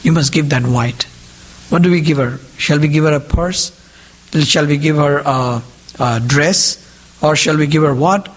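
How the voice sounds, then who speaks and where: A man with a slightly high voice preaches a sermon to a group at a measured pace. English is his second language, not his mother tongue, and he repeats key phrases and poses questions to his listeners.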